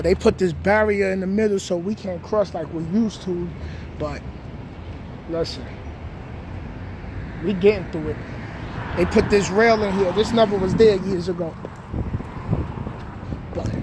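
A middle-aged man from New York City with a New York accent vlogs casually on a phone held at arm's length while walking at night through city streets and housing project grounds. His high-pitched voice is laid-back and reflective, full of street slang, with outdoor street noise and passing traffic around him.

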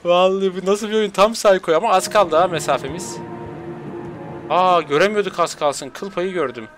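A man doing excitable, jokey live gameplay commentary at home, jumping to high squeals when he is chased. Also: normal speed, over music. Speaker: gaming streamer. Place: home room with an open window.

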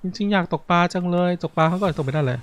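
A man's voice: high-pitched, rapid-fire, faint music behind. A man giving casual let's-play commentary, chatty, reacting aloud and reading game lines. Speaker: gaming streamer.

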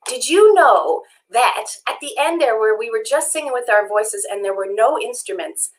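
A woman's voice: on the high side, expressive, moderate pace, rough recording. A woman co-hosting a live children's sing-along from home, cheerful and encouraging, speaking like a teacher. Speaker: children's music co-host.

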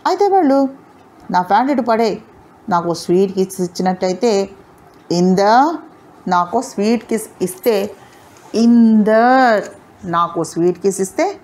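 A woman's voice: mid-range voice, lively intonation, moderate pace, pauses often, a little mellow, natural voice. A teasing young charmer from an audio novel, read by a woman. He coaxes and needles playfully, in a voice close to the reader's own. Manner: coaxing, teasing. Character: teasing, playful young man, smooth talker. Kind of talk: audio novel character reading.

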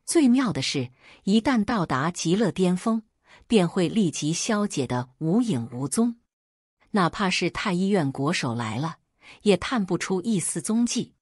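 A woman narrating a dramatic story in an expressive storytelling reading. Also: on the low side, measured pace, breathy edge, no echo, clean studio sound.

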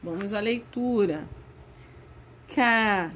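A woman teacher giving a lesson to young children, spelling out words slowly and stretching them out. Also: mid-range voice, fairly bright tone, slight background noise. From Brazil. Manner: slow, drawn-out spelling of words.

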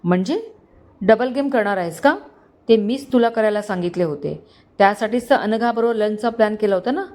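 Story reading: woman doing a smug male con artist, calm and mocking, mid pitch. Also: brisk, close to an everyday voice. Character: cocky scheming young male con man, cool.

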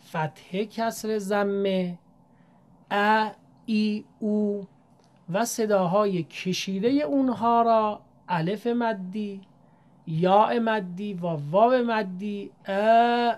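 A woman teaching Quran reading, speaking politely and formally to learners and drawing out each demonstrated syllable in a measured way. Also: lowish voice, a little mellow. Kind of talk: recitation lesson.

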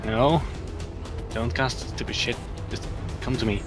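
A man's voice: mid-range voice, steady tone, a little slow. A man on headset voice chat during a raid, blunt and casually swearing. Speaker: guild raid member. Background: loud game music.

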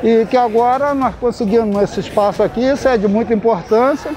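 A man's voice: extremely high pitch, brisk, a little mellow, a faint crowd. An older man, a carpenter and artisan, speaking plainly in an outdoor street interview. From Itaguaí, Brazil. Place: outdoor street craft fair. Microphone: lapel mic.

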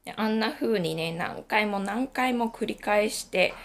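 A woman's voice: medium pitch, unhurried, gravelly. A middle-aged woman hosting a casual radio-style knitting talk, chatty and reflective, laughing often. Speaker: knitting channel host.

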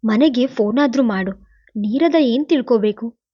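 A woman's voice: on the high side, normal speed, warm tone, dull audio, close to an everyday voice. A woman voicing a caring young woman who coaxes and pleads with her brother in a storybook reading. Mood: coaxing.

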